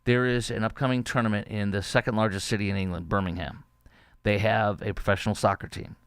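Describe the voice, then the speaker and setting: A man's voice: on the low side, fairly even intonation, quick pace, smooth, no echo, clean studio sound. A man hosting a podcast, giving indignant, scornful political commentary. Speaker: podcast host.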